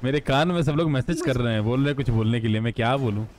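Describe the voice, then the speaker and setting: A man's voice: medium pitch, quick pace, a little mellow, a little hiss or hum. A man with an Indian accent chatting and joking in a game role-play as a police officer, now and then singing. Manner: joking, breaks into singing film songs. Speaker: streamer playing a police officer. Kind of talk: casual role-play chat.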